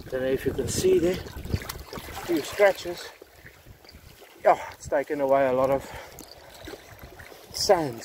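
A man wading through the sea among rocks, rambling aloud in a chatty, self-mocking stream of commentary. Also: fairly high pitch. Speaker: metal-detecting vlogger. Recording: outdoor recording with loud water noise.

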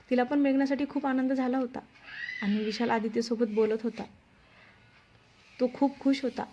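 A woman's voice: a little high, warm tone, a little hiss or hum. A woman narrating a family romance story as a storyteller, reading expressively. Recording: dull lo-fi sound.

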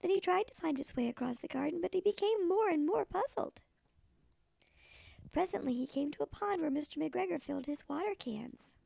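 Older woman, sweet old lady manner, very creaky high voice, expressive storybook narration. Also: brisk, no room sound. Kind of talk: expressive children's storybook reading.

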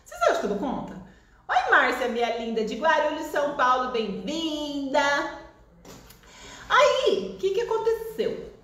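Slow-talking chatty Brazilian woman, coughing. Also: high voice, wildly swooping pitch, reverberant. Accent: Brazilian Portuguese. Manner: chatty, warm greetings to viewers, laughs often. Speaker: crochet teacher. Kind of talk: live-stream crochet chat. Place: seated in a room of a shop.

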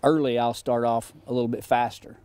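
Middle-aged man, fishing guide from Oklahoma, folksy and relaxed, outdoors on a creek bank, lapel mic. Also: medium pitch, a little fast, smooth, no room sound. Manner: folksy, easygoing teacher. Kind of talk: casual outdoor fishing talk.

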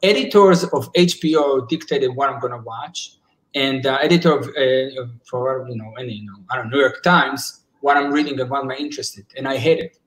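A man's voice: medium pitch, a little fast, a bit bright, rough recording. A man in his forties, a psychologist, talking earnestly on a video call, often restarting his sentences as he searches for words. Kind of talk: casual video call discussion. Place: indoors at home. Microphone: laptop webcam on a video call.

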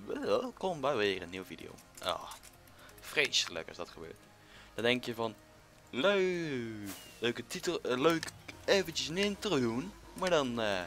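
A young man giving casual, excitable commentary while playing a game, jumping between loud outbursts and quiet muttering. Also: mid-range voice. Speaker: gaming YouTuber.

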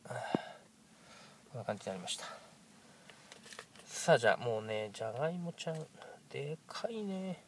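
A man in his thirties with a nasal, stuffy-nosed voice from a cold, giving a casual, halting food review to camera. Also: medium pitch, animated, slight background noise. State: congested with a cold. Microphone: camera at arm's length.

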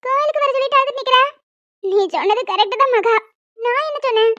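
A woman voicing a very high-pitched distressed young student. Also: fast talker, pushed and bright, no room sound, highs cut off. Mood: worried.

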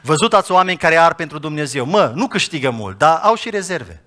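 Bright-voiced pastor preaching fervently. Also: male voice, animated. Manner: impassioned preaching, swinging between loud high appeals and low hushed quoted asides. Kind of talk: sermon.

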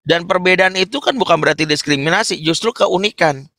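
A man teaching an Islamic parenting webinar in an animated, humorous way, acting out examples. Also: sits high, fairly quick, no room sound, studio quality.

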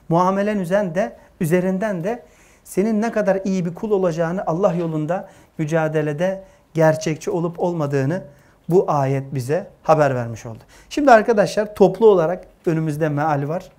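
A man teaching a religious lesson to young people, earnest and emphatic, rising to forceful stresses. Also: high-pitched. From Turkey.

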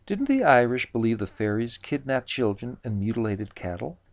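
A man's voice: medium pitch, very animated, normal speed. A man voicing Lena, a sceptical woman with a dry manner, in a storybook reading.

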